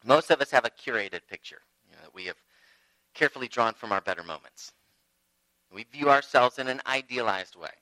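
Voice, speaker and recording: Animated male preacher telling a story. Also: medium pitch, fairly quick, rough recording. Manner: storytelling, lively with big swings in loudness. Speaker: pastor. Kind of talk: sermon.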